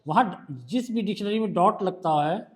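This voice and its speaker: High-voiced male shorthand tutor. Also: lively intonation, moderate pace, a little mellow. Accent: Hindi. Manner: patient, quizzing the student with questions. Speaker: shorthand teacher. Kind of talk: one-on-one tutoring.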